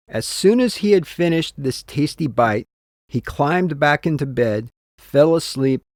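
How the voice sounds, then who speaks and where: A man reading a textbook story slowly and expressively as the audio narrator, in a dry, close studio recording. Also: medium pitch, dry recording. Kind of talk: scripted narration.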